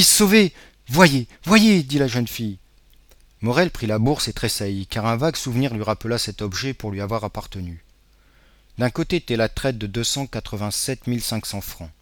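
A man narrating a classic novel as an audiobook, in a measured, dramatic reading. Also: lowish voice, dry recording.

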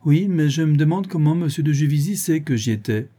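A woman's voice: deep voice, lively intonation, fairly quick, dark tone, breathy edge, pitched above the performer's own voice. A man voicing a proud, irritable young marquise who speaks curtly, in a raised voice. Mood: guarded. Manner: curt, irritable. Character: moody proud young marquise, sharp-tongued.

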